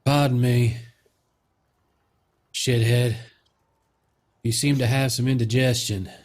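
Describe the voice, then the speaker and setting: A man's voice: medium pitch, fairly even intonation, takes it slowly, a little mellow, lightly acted. A man playing a cocky gunslinging stranger in a tabletop game, folksy and mockingly polite. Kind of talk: tabletop role-play in character.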